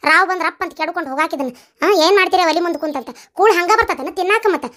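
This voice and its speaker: A woman with a North Karnataka accent performing a village family comedy sketch, bickering in a lively, animated way. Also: extremely high pitch, very fast. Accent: North Karnataka Kannada. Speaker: comedy vlogger.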